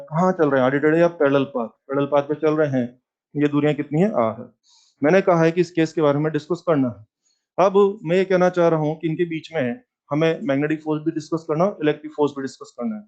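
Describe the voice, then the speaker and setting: A man's voice: fairly high pitch, a little mellow, highs cut off. A man teaching a physics lecture who asks questions and answers them himself, mixing English terms into Hindi.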